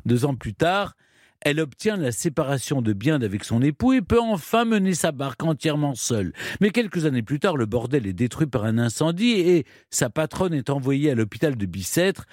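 A man telling a history story in measured, scripted narration with dramatic pauses. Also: medium pitch, darkish tone, no echo, clean studio sound.

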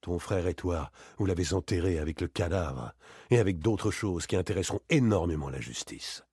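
A man voicing a self-assured gentleman burglar in an audiobook, teasing and smoothly mocking. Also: deep voice, animated, normal speed, dry recording, studio quality. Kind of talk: audiobook character reading.

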